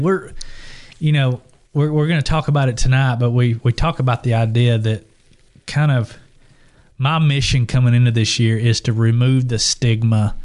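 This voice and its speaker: An enthusiastic man co-hosts a casual podcast, rambling a little and restarting his sentences. His voice sits at an ordinary middle pitch for a man. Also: darkish tone. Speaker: podcast co-host.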